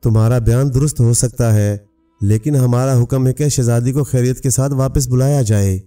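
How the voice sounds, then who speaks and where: Brief: man voicing a formal, commanding storybook king, dark smooth voice, distant mic, faint music. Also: mid-range voice, normal speed, close to an everyday voice. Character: stern proud old male king.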